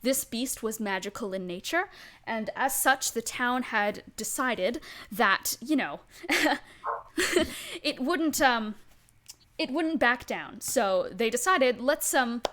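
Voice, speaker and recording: A woman's voice: on the high side, expressive, slow pace, bright, forceful tone. A woman running a tabletop game, improvising narration in a giggly, playful way. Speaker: game master.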